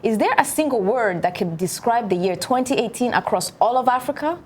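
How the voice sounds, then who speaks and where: A woman's voice: on the high side, lively intonation, brisk, a little hiss or hum. A woman hosting a talk show, speaking in a panel discussion style.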